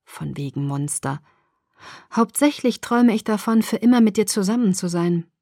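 A woman voicing a stubborn, earnest young woman in love, speaking quietly and earnestly. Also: medium pitch, expressive, normal speed, no room sound, clean studio sound. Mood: wistful.

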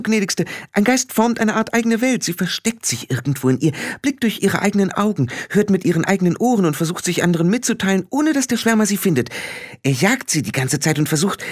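A man doing a tiny, high-pitched fairy man. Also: sing-song, fairly quick, dry recording, studio quality. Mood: eager. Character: tiny fast-talking fairy man, earnest and eager. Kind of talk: audiobook character voice.

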